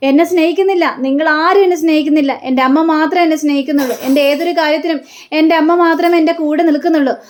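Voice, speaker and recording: A woman's voice: high voice, steady tone, racing, a little mellow, close to an everyday voice. A woman voicing a drunk, heartbroken young man who pleads with his father and cries for his mother. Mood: pleading. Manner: pleading, repetitive.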